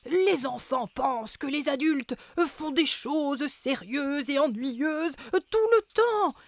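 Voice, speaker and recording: A stubborn old Saint Nicholas, put on by a woman whines in a storybook voice. His voice sits very high. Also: lively intonation, slow pace, no echo, heavily acted. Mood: explaining. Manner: whiny, stubborn.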